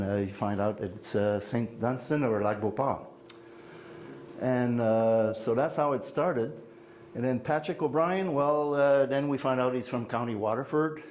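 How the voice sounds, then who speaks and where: An older retired man from Quebec City gives an informal genealogy talk to an audience, wandering into personal asides and pausing often with fillers. His voice sits at an ordinary pitch with a faint hiss underneath. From Quebec City, Canada. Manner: rambling, warm personal asides, many fillers and restarts. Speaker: guest speaker on family genealogy. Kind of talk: informal lecture. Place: meeting hall with an audience.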